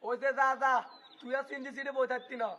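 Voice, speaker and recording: A man's voice: extremely high pitch, monotone, quick pace, over loud music. A man playing a teasing, condescending young friend in a comedy skit, with a Noakhali Bengali accent. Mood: mocking. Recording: muffled lo-fi, crowd noise.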